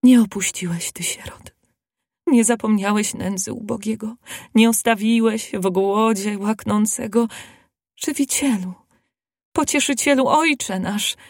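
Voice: unhurried, no room sound, studio quality. A storyteller voicing a poor, pious peasant woman who exclaims and prays fervently in a raised voice. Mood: prayerful. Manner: high, exclaiming, fervent praying.

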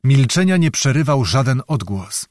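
A man narrating a historical novel as an audiobook, in a measured, dramatic storytelling manner. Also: mid-range voice, very animated, a little hiss or hum.

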